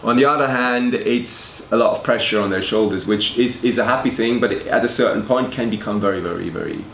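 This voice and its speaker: A Swiss man in his forties, director of education at a fashion school, answers interview questions hesitantly and often repeats words. His voice is mid-range, brisk, and fairly bright in tone. The room is echoey, with faint noise.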